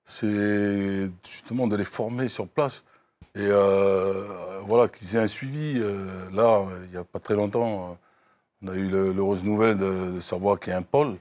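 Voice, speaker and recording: A man's voice: on the low side, fairly even intonation, a little slow, a little mellow. A man speaking as a guest in a studio discussion, hesitant and full of fillers and restarts. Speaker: talk show guest.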